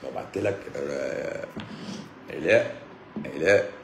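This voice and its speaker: A man's voice: a bass voice, unhurried, creaky, a bit bright, roomy sound, slight background noise. A man with an Egyptian accent chatting casually on a livestream, teasing his viewers and laughing often. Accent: Egyptian Arabic. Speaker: livestream host answering viewers. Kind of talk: casual joking livestream chat.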